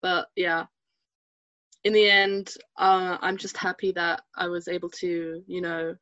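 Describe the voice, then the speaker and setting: A woman's voice: on the low side, little pitch movement, a little slow, fairly bright tone, dry recording. Twenty-something woman from germany chatting as a guest, lots of ums and likes, dull dry sound. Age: 20s. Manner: hesitant, many fillers and restarts. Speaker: podcast guest. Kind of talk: casual interview chat.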